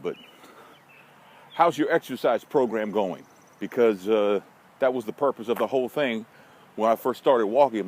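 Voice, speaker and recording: An American vlogger and social media marketing consultant walks through a park talking casually and bluntly to his listeners, rambling with wry, folksy asides. His voice is lowish and darkish. The outdoor walking recording is noisy, with city ambience and passing vehicles.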